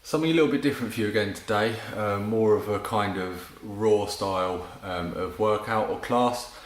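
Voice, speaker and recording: A man's voice: lowish voice, moderate pace, echoey room, rough recording. A male fitness instructor leading a home workout, casual and encouraging, calling out cues while he exercises and getting out of breath. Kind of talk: home workout class demo.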